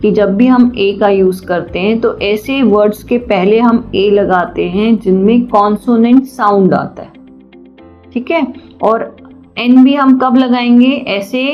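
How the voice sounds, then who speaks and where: A woman teaching a children's grammar lesson, patient and deliberate, often asking questions and answering them herself. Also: mid-range voice. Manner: slow and deliberate. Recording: dull lo-fi sound, faint music.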